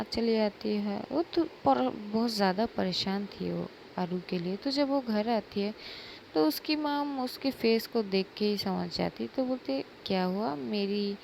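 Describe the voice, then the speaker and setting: A woman tells a story in a casual, chatty manner, narrating at a slow, unhurried pace. Her voice has a gravelly, creaky texture, with faint background ambience behind it. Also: medium pitch, darkish tone, a little hiss or hum, rough recording. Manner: chatty, repetitive speech tags.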